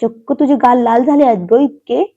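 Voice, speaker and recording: A woman's voice: fairly high pitch, fairly even intonation, moderate pace, phone-quality sound. A woman voicing a young woman who fondly teases a shy younger girl. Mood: teasing. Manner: teasing, fond. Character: young woman, teasing elder sister-in-law.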